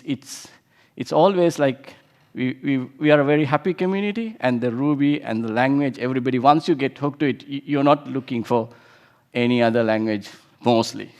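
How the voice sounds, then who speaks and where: A Sri Lankan man in his thirties gives a conference talk in an informal style, frequently restarting sentences and using fillers. His voice is medium in pitch with a darkish tone.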